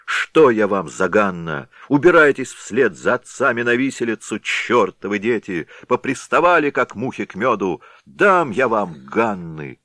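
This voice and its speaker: A man voicing a gruff middle-aged village head who threatens and shouts at the village lads. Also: mid-range voice, lively intonation, unhurried, few pauses, no echo, clean studio sound, pitched above the performer's own voice. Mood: angry shouting.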